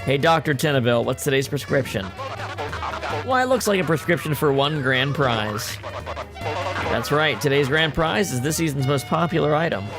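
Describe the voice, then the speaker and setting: A man voicing an excitable TV game show host as a booming prize announcer, in a showy manner. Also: moderate pace, over music. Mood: showy, excited.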